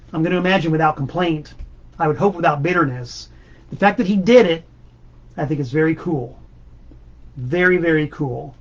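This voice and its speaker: A man's voice: on the high side, highs cut off. A man hosting a casual monologue about records, enthusiastic and rambling, with emphatic repeats. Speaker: host.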